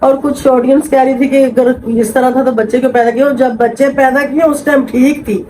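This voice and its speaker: A woman's voice: high-pitched, fairly even intonation, a little fast, warm tone, a little hiss or hum, rough recording. A middle-aged woman with a Pakistani accent, telling a family story in an interview, emphatic and repeating herself. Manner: emphatic, repeats herself, acts out quoted voices.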